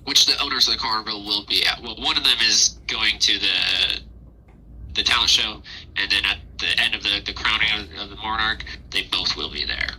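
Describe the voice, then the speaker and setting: A man's voice: lowish voice, normal speed, bright, forceful tone, breathy edge, poor audio. A man narrating a tabletop game as game master in a casual, informal, conversational way. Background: music.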